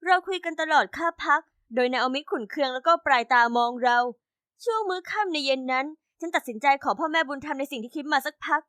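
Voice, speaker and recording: Bright high-voiced woman storyteller. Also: fast talker, dry recording, studio quality. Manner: lively first-person storytelling. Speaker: narrator. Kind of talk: scripted storybook narration.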